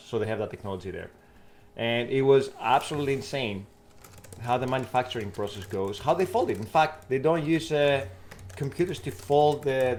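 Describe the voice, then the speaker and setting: A man co-hosting a casual talk show. His voice sounds hollow and boxed in, as if he is talking through a tube, and he explains things in a chatty way with frequent restarts. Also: medium pitch. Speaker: co-host. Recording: very echoey, distant mic.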